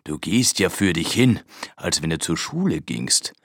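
A woman voicing a sly, hungry male wolf who speaks slowly and coaxingly. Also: very deep voice, very animated, breathy edge, no room sound, clean studio sound, pitched below the performer's own voice, full character voice. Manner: slow, coaxing and sinister.

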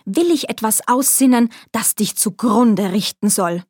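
A woman's voice: fairly high pitch, a little slow, darkish tone, husky, no echo, studio quality. A woman voicing an envious, vengeful queen with an intense, cold delivery in a fairy tale reading. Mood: scheming. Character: vain wicked queen, envious and furious.

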